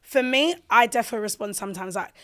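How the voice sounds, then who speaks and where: A woman with a London accent speaks as a guest on a podcast. Her voice sits at an average pitch. She talks casually, with animated emphasis and slang, like a content creator telling stories. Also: fast talker. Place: podcast recording.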